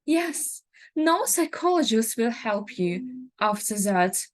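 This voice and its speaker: Woman, English, fairly high voice, slow pace, hesitant, spooky storytelling. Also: sing-song. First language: not English. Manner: halting, hesitant delivery with searched-for words. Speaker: speech contest participant. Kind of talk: spooky personal storytelling in a contest.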